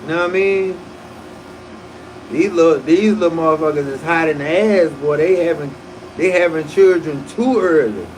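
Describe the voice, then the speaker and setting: A man's voice: on the high side, normal speed, a little hiss or hum, low-quality recording. A man in his forties hosting a casual livestream, talking loosely with profane slang and frequent restarts. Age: 40s. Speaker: livestream host.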